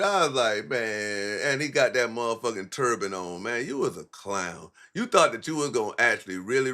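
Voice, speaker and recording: A man's voice: lowish voice, pushed and bright. Blunt, profane man ranting on a livestream. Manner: blunt, profane, mocking street talk. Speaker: livestream commentary host. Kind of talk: casual livestream commentary.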